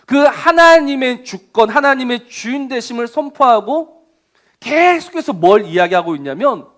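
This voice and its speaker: A male pastor preaching a sermon dramatically, dropping from loud lines to near-whispers, slowing down on key phrases and asking rhetorical questions. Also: high voice.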